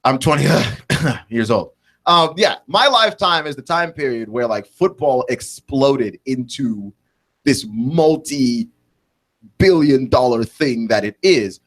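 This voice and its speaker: A man's voice: medium pitch, animated, slow pace, a bit bright. A man in his twenties hosting a sports talk radio show, thinking aloud in a rambling way with many restarts and "right?" tags. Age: 20s.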